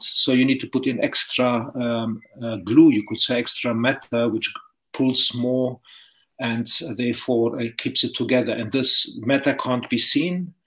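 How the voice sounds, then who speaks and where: Measured middle-aged man explaining physics. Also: mid-range voice, a bit bright, poor audio. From Czechoslovakia. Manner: measured, hesitant, lecturing. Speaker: physics professor guest. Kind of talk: explanatory interview answers.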